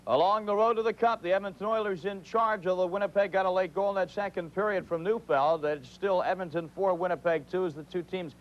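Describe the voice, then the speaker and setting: A man's voice: high voice, fairly even intonation, a little fast, hardly any pauses. A man hosting a televised hockey intermission report from a studio, giving commentary on the games. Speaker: sports studio host. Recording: slightly noisy, dull old TV broadcast.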